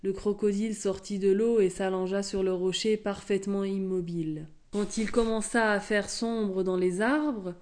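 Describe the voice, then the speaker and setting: A woman storyteller reading a children's tale aloud in a calm, measured way. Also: mid-range voice.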